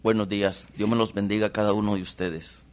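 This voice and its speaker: A man's voice: on the low side, little pitch movement, quick pace. A man from Honduras, an evangelist preacher speaking devoutly and measuredly as a radio guest. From El Progreso, Honduras. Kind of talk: radio interview.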